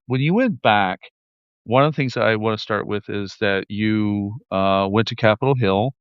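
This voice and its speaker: Male live-show host; low, smooth voice; slightly dull, lo-fi, dry recording. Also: no echo. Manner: friendly, addresses viewers directly.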